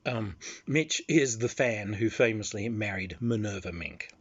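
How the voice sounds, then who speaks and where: A man with an Australian accent telling casual convention anecdotes in an animated, loose storytelling manner. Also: lowish voice, measured pace, breathy edge, muffled recording.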